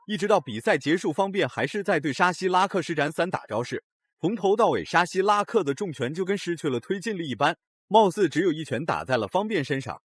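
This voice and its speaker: Lively, husky male fight-recap narrator. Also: on the high side, no room sound. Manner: dramatic, opinionated storytelling. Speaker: video narrator.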